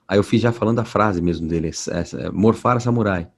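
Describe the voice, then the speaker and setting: Low husky-voiced male voice actor. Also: fast talker. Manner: relaxed storytelling, many restarts. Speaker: voice actor guest. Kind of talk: casual interview talk. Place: at home at night.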